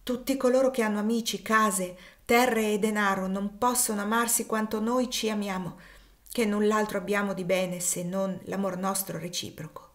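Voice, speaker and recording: A woman's voice: mid-range voice, steady tone, normal speed, lightly acted. A woman reading the part of an impassioned young male fugitive, grieving and defiant, with rising, emphatic outbursts in an audiobook.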